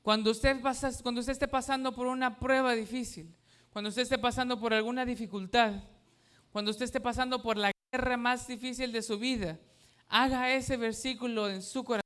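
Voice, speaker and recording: Man, pastor, sermon, emphatic, smooth clear voice. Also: very high-pitched, steady tone, fairly quick, fairly bright tone. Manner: emphatic, asks the congregation questions and has them repeat.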